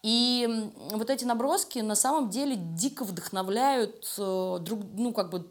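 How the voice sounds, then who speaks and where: In a relaxed storytelling interview, the animation studio creative director speaks informally and with slang. Her pitch is fairly high, and she keeps a measured pace.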